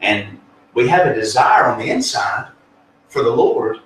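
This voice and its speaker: A man's voice: medium pitch, very animated, measured pace, fairly bright tone, slight background noise. A man, a pastor, explaining faith in an earnest, folksy, conversational way, full of fillers and restarts. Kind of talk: conversational spiritual teaching. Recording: echoey room, distant mic, faint ambience.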